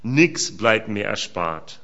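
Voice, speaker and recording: Despairing old dad mourning his sons, read by a male preacher, lower subdued voice, dull audio. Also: big pitch swings, slow, sharp tone, heavily acted. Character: despairing old father grieving lost sons. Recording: dull lo-fi sound.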